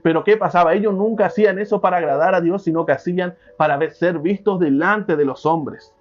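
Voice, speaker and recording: A preacher gives a sermon slowly, repeating himself and restarting his phrases. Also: high voice, soft background music. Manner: slow, repetitive teaching with many restarts. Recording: dull lo-fi recording.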